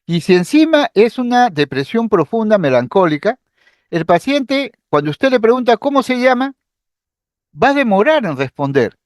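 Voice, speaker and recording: High-voiced man lecturing on psychiatry. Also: normal speed, dry recording, clean studio sound. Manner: explanatory, acts out patient speech examples; lively intonation, occasional fillers and restarts. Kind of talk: recorded medical lecture.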